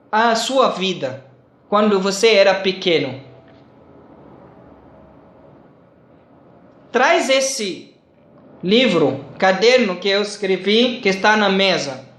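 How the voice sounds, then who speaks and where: A man voicing a frail old father in a parable, who keeps asking the same question and grows louder. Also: sits high, expressive, slow, pauses often, reverberant, voice pushed down, exaggerated voice. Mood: gentle. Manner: asks again and again, rising to a shout.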